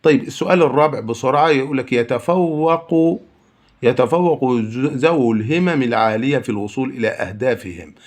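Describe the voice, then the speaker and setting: A man's voice: mid-range voice, brisk. A man with an Egyptian accent working through exam questions as a teacher, asking and answering his own questions. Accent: Egyptian Arabic. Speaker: Arabic teacher. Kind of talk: exam answer walkthrough lesson.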